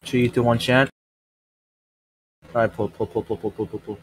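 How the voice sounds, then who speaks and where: Husky man barking squad orders. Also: medium pitch, fairly even intonation, normal speed, no echo, rough recording. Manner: barks repeated orders, swears a lot. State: out of breath. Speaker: squad leader giving commands. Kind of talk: gaming voice chat.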